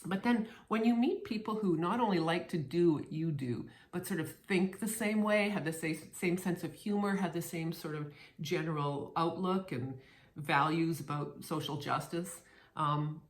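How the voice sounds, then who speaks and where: Woman, cross stitch vlogger, casual chat, playful, repeats words, lower pitch, roomy echo. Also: moderate pace. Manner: chatty, playful, repeats words as she restarts.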